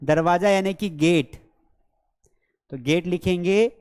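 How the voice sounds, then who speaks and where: A man teaching English grammar in a live online class, repeating example sentences slowly and checking that students follow; his first language is Hindi. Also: sits high, darkish tone, clean tone, long reverb tail. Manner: slow, drilled repetition of example sentences; coaxing, checks understanding with repeated questions. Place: studio with a board and screens.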